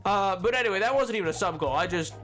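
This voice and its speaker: A man chatting casually and excitably on a gaming livestream, joking and repeating his words. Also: high voice, fast, faint music behind. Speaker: game streamer.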